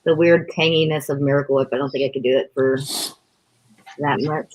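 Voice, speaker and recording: A woman's voice: rumbling low, fairly even intonation, a little fast, a little mellow, dull audio. A woman chatting casually during an eating contest, telling anecdotes and peppering her talk with "like". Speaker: competitive eater.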